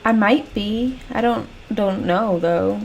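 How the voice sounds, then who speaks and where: A woman from the UK with a British accent talks through a video game as she plays. Her commentary is chatty and jokey, with casual swearing. Her voice sits at a middle pitch, with a faint hiss behind it. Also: takes it slowly, gravelly. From United Kingdom. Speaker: gaming channel host. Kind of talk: casual let's-play commentary.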